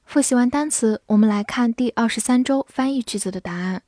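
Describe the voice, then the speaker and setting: A woman's voice: a little high, brisk, mellow, dry recording, clean studio sound. A woman teaching English vocabulary. She reviews it word by word, saying each word twice and then listing its parts of speech and meanings.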